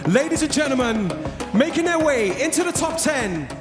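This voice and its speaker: A man announces a live pageant in a booming, pumped style, stretching names dramatically. His voice is pitched very high and rings through a reverberant hall. Music plays clearly behind him. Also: sing-song, normal speed. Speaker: pageant host.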